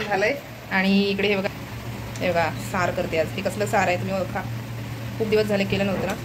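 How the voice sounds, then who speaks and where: A woman's voice: mid-range voice, noisy background. A young woman hosting a casual home vlog, chatting to viewers and constantly pointing things out around her kitchen. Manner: chatty, keeps repeating "look" to viewers. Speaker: vlog host.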